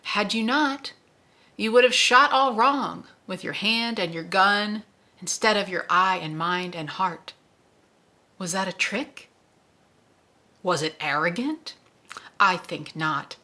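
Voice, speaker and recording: Woman reading as a patient, stern gunslinger. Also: mid-range voice. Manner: calm, measured, matter-of-fact.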